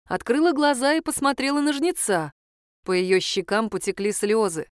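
A woman reading a first-person story aloud in an even narrating manner. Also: on the high side, moderate pace, no echo, studio quality. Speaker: audiobook reader.

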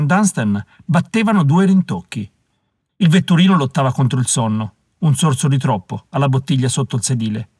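A man reading an audiobook as the narrator, telling the story in a measured, dramatic way on a close studio mic. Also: mid-range voice, darkish tone, breathy edge, dry recording. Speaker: audiobook reader. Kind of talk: scripted narration.

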